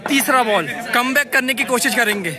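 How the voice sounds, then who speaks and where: A high-pitched man calls a floodlit street cricket match ball by ball. He talks excitedly and breaks into shouts of praise at good balls. A crowd chatters loudly around the phone mic outdoors. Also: brisk. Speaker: vlogger doing live commentary. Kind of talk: casual street cricket commentary.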